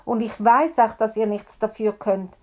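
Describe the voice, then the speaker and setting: A woman's voice: on the high side, fairly even intonation, moderate pace, close to an everyday voice. A woman voicing a nobleman who firmly reassures the townsfolk. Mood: reassuring. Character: reassuring male prince, calm nobleman.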